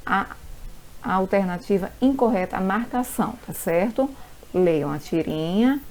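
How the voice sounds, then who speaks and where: Mellow-voiced Brazilian teacher, patient. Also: female voice, mid-range voice, low-quality recording. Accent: Brazilian Portuguese. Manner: slow, patient, spells out examples one by one. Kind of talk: recorded grammar lesson.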